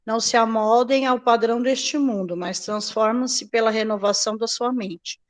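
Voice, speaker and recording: A woman reading scripture aloud in a measured way. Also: fairly high pitch, steady tone. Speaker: scripture reader.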